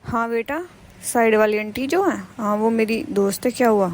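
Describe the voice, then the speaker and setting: A woman voicing a kind middle-aged mother-in-law in a cartoon, with a soft, soothing manner. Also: a little high, normal speed, a little hiss or hum, close to an everyday voice. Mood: gentle. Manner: soothing, mild. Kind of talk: animated cartoon voice acting.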